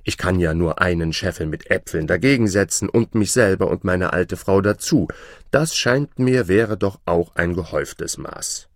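A man voicing a simple, content old farmer who speaks plainly and calmly. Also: moderate pace, no echo, clean studio sound. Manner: plain, calm, low.

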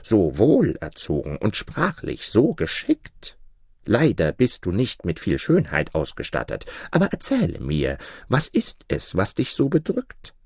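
A proud young lion king, put on by a storyteller, speaking in a deep, gruff storybook voice. He talks slowly and grandly, lording it over others. The recording is close and dry. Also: wildly swooping pitch, darkish tone, dry recording, full character voice. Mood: kindly.

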